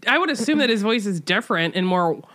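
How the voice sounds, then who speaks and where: A woman's voice: mid-range voice, lively intonation, quick pace, a bit bright. A woman co-hosting a book-club podcast, playful and teasing in casual chat. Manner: playful, teasing, laughs often. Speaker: podcast co-host.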